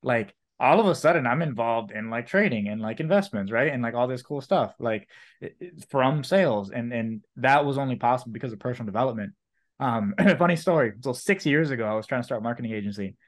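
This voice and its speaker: A man's voice: mid-range voice, lively intonation, fast talker. A man in his twenties talking casually, with lots of fillers, telling a story. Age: 20s. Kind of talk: casual chat.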